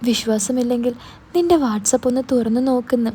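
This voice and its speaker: A woman's voice: a little high, normal speed, warm tone, a little hiss or hum, lightly acted. Woman voicing a sobbing betrayed young girl. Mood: tearful. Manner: tearful, pleading, broken phrases. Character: heartbroken 19-year-old girl, betrayed, sobbing. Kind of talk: storytelling.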